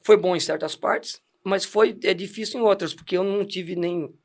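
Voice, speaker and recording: A middle-aged deacon tells his story in a casual, chatty way. His voice sits high for a man, and he laughs often and restarts his sentences. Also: normal speed, a little mellow. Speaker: deacon giving testimony. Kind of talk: casual testimony chat.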